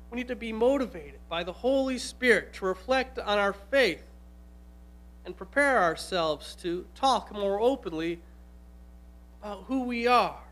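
High-voiced man preaching a sermon. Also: a bit bright, low-quality recording. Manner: earnest, conversational preaching with asides. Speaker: pastor. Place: church hall with altar table. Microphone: stand microphone at pulpit.

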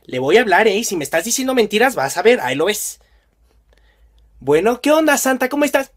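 A woman's voice: mid-range voice, sing-song, brisk. A woman with a Mexican Spanish accent acting out exaggerated comedy sketches, switching between mother and child roles.

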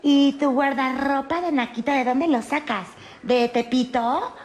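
A woman's voice: high voice, measured pace. A woman playing a snobbish, classist rich schoolgirl in a telenovela parody, with a whiny, posh Mexican accent and sneering delivery.

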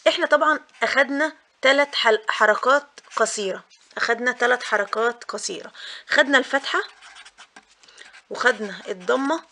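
This grammar lesson for mothers comes from a young woman with an Egyptian Arabic accent whose bright, forceful voice sits a little high, with vocal fry. Patient and repetitive, she keeps restating key points and uses lots of filler "ah"s.

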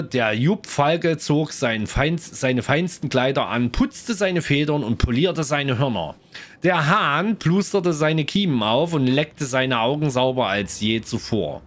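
A man streaming a game, chatting with viewers and reading in-game lore aloud. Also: medium pitch. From Germany. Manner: chatty, lively, addresses viewers. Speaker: let's play streamer.

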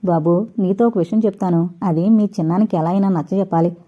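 A woman voicing a gentle, trusting middle-aged mother who coaxes softly, in an audiobook reading. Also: fairly low pitch, fairly even intonation, a little fast, close to an everyday voice. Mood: coaxing.

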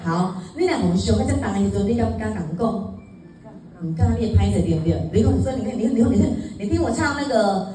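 A woman's voice: medium pitch, lively intonation, quick pace, dark tone. A woman teaching a singing class, coaching, counting in and singing short demonstrations. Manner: mixes talk with sung demonstrations, coaching and counting in. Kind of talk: singing lesson. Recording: echoey room, far from the mic, with background noise.

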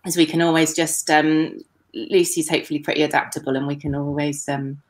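A woman in her forties hosts a live online session from her kitchen, talking through a laptop webcam. She chats casually, jokes and fills gaps with lots of ums. Her voice sits fairly low for a woman. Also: monotone, fairly quick. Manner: chatty, jokey, frequent fillers and laughs. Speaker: online festival host. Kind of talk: casual live-stream chat. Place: home kitchen. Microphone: laptop webcam video call.

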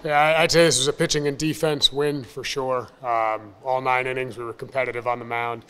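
A man in his thirties, a baseball coach, answering questions at a postgame press conference in a measured, upbeat, plain-spoken way from a table mic. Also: medium pitch, level tone, pushed and bright, clean tone, in a large hall. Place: press room in front of a sponsor backdrop. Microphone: table mic on a stand.

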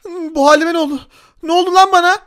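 A man with a Turkish accent narrating a Minecraft role-play video, playful and excitable, talking to his viewers. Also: extremely high pitch, quick pace. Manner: playful, excitable, talks to the audience. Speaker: gaming YouTuber.

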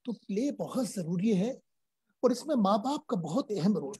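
An older man from Uttar Pradesh answers interview questions as a guest in an earnest, explanatory way, now and then switching into English phrases. His voice is mellow and dark-toned, with a husky, slightly rough edge. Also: high voice, sing-song, normal speed. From India, Uttar Pradesh. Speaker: guest science popularizer.

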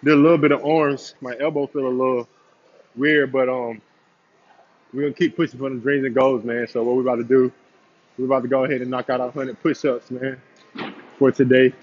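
Young man, medium pitch, casual vlogger, hyped slangy delivery, dull phone audio, gym. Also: level tone, a little fast. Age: young adult. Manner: hyped, slangy, familiar address. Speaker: fitness vlogger, agency founder. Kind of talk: casual motivational vlog chat. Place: large indoor gym. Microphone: phone at arm's length or propped nearby.

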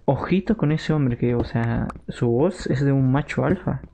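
This gaming streamer from Peru speaks with a Peruvian Spanish accent in a mellow, creaky, mid-range voice at a measured pace. Playing at home, he chats with viewers, reads out and responds to their messages, and throws in jokey outbursts. The sound is a bit dull and lo-fi, with faint background noise.

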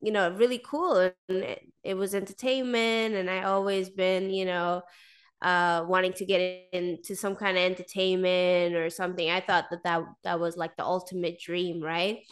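Her voice lowish and flat, moving at a moderate pace with a smooth quality, a woman in her thirties who grew up in Sweden chats through an interview by video call. She uses lots of fillers and "like," sitting in a small indoor room with a desk mic visible nearby.

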